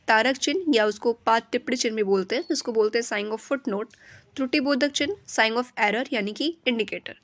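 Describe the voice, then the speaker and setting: A woman's voice: fairly high pitch, a bit bright. A woman teaching a grammar lesson, explaining each term and then repeating it in simpler words.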